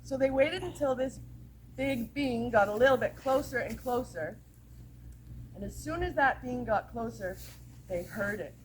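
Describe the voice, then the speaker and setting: A woman telling a story to a camp audience in an animated, laughing, playful way. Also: fairly high pitch, unhurried, a little hiss or hum, poor audio. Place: camp chapel gathering with audience.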